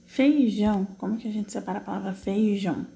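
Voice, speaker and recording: A woman's voice: mid-range voice, vocal fry, dark tone. A woman teacher, patiently correcting exercises in an online class, asking questions and answering them herself step by step. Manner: slow, drawn-out syllable spelling while typing.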